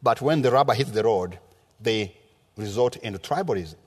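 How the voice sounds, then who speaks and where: A guest preacher from rural Rwanda, speaking with a Rwandan accent, delivers a sermon woven with personal testimony. His lowish, darkish voice is expressive with a breathy edge and a moderate pace, and he teaches emphatically, leaning on repetition. The sound echoes as if in a reverberant hall.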